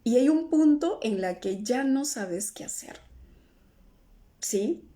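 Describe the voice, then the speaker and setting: A middle-aged woman with a soft, mellow voice gives a live-stream talk as an emotional healing coach. She keeps checking in with her listeners, tagging almost every phrase with "¿no?" or "¿sí?", and answers comments as they come in. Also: fairly high pitch, lively intonation, slow pace. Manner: tags nearly every phrase with "¿no?" or "¿sí?"; answers viewer comments aloud.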